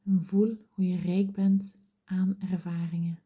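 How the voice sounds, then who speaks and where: A woman whispering softly as she leads a guided meditation in a slow, soothing, gentle manner. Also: on the low side, level tone, breathy edge, dull audio.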